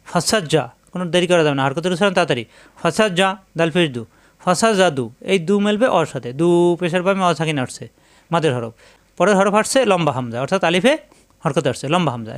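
A man with a high, smooth, resonant voice leads a tajweed lesson. He explains each rule slowly and repeats it. He breaks off into long, chanted recitation of the words he is teaching. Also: expressive.

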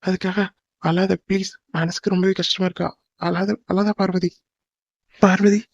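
A man's voice: on the high side, little pitch movement, fast, a little mellow, a little hiss or hum, lightly acted. A man voicing Hari, an earnest young lover. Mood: soothing. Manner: pleading, soothing. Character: earnest young man in love, tender and reassuring. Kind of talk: cartoon drama voice acting. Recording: dull lo-fi dry recording.

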